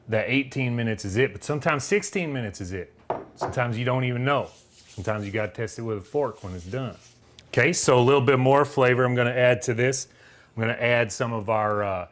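A man with a Southern accent casually demonstrating a recipe in his kitchen, talking in a folksy, rambling way with loose grammar and plenty of filler words. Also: medium pitch. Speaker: home cook demonstrating a recipe.

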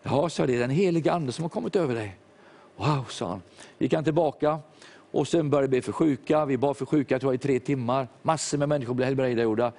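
A man's voice: mid-range voice, warm tone. Older man preaching a sermon. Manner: storytelling, acts out quoted voices. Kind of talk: sermon testimony.

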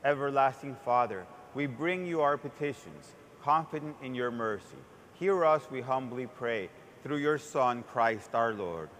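A man speaking as a priest at Mass, reciting liturgical prayers in a measured, formal way with a cathedral-like echo. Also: mid-range voice, animated, fairly bright tone. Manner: measured, formal delivery in short phrases. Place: large reverberant church. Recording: cathedral-like echo, long church reverb, background noise.

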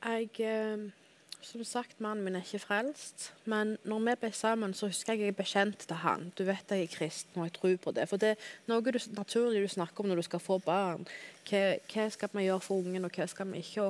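A woman guest telling a personal faith testimony in a candid, earnest way, often checking in with the host. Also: medium pitch. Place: television studio.

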